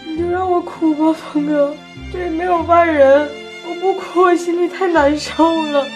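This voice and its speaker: A woman's voice: fairly low pitch, a little slow. An actress playing a heartbroken young village woman, drunk and tearful, pleading, in a TV drama with violin music behind. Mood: weeping. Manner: tearful, pleading, slurred from drink. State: drunk and crying. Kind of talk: TV drama acting.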